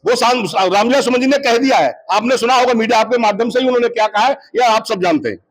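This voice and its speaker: A man's voice: extremely high pitch, quick pace, poor audio. A party leader, a man, giving a formal statement to reporters, using honorifics and stopping to restart phrases.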